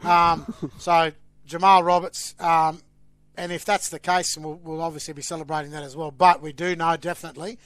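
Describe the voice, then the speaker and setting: A man's voice: fairly high pitch, level tone, moderate pace, a bit bright, dry recording. An Australian man hosting a casual sports podcast, announcing news with upbeat emphasis. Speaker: podcast host.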